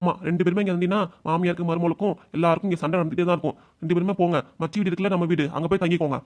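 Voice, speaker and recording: Brief: cartoon patriarch, stubborn and commanding, rapid scolding, voiced by a man. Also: high-pitched, fairly even intonation, a little mellow, natural voice. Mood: stern. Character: stern elderly father-in-law, stubborn head of the house. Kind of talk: amateur cartoon voice acting.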